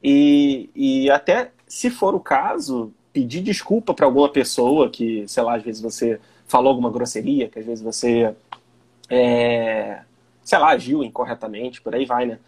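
A man's voice: medium pitch, a little slow, a little mellow, husky. A young Brazilian man with a Brazilian Portuguese accent, chatting in a laid-back way, with lots of casual fillers. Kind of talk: casual conversation.

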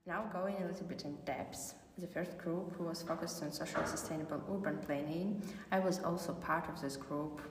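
A woman speaks in a steady, measured, explanatory way as a podcast guest. Her voice is very low. She sounds distant from the mic in a room with a strong echo and a long reverb, with faint noise behind her. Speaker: guest, youth ambassador. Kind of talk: podcast interview.

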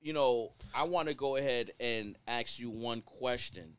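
A man's voice: medium pitch, measured pace, a bit bright, smooth. A man hosting a casual podcast interview, talking in a colloquial, wordy way and often checking in with little tag words. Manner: colloquial, wordy, peppered with tags like 'right' and 'you know'. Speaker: podcast host.

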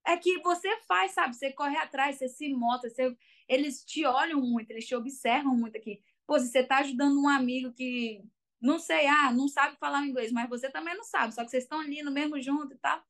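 Speaking quickly in a high-pitched, somewhat bright voice, a young Brazilian woman with a Brazilian Portuguese accent chats as an interview guest. She plays college soccer and fills her casual story with lots of fillers.

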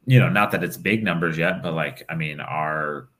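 His voice sits low and a bit bright, at a normal speed. As a young podcast co-host in a casual chat, he rambles with plenty of fillers and restarts.

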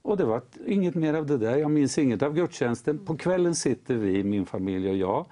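A man recounting a personal faith testimony as a guest speaker, in an animated storytelling manner. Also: medium pitch. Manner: animated storyteller, lively rise and fall.

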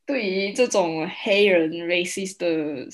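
A woman's voice: fairly low pitch, slow. A woman chatting casually as a podcast co-host. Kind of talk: casual chat.

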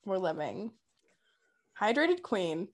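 A woman's voice: mid-range voice, very animated, takes it slowly. A young adult woman co-hosting a podcast in casual chat, bubbly, playful and gushing. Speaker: podcast co-host.

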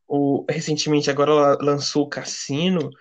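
A man's voice: a little high, level tone, normal speed. A young man with a Brazilian Portuguese accent, chatting casually in heavy slang. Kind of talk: casual chat.

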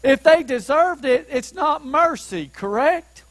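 A man preaching a sermon as pastor, who asks the listeners questions and rises to emphatic shouts on key points. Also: extremely high pitch, expressive, slow, no echo, low-quality recording. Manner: asks the congregation questions to keep them following.

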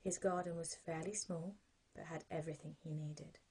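A British woman narrating a children's sleep story in a soft, breathy, husky voice, with gentle, calming, unhurried delivery. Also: low-pitched.

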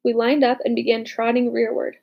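A woman narrating a war story as a young soldier, with dramatic, hushed, urgent delivery in the dialogue. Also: a little high, flat delivery, brisk, vocal fry, husky, muffled recording. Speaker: narrator voicing a boy soldier. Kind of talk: audiobook narration.

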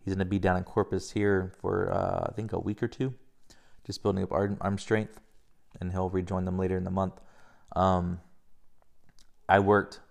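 A casual, rambling man in his thirties from the United States, with a somewhat low voice. He talks loosely and profanely, drifting between stats and stories, and his voice climbs and gets heated when he argues a point. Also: level tone, normal speed, gravelly, pauses often, a little mellow. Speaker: podcast host. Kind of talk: casual sports chat.

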